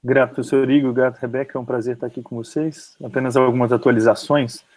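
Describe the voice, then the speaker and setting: A man with a Brazilian accent, a company head answering in an online interview, calm and matter-of-fact. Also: medium pitch, fast talker, rough recording. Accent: Brazilian Portuguese. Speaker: company CEO guest. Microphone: video call.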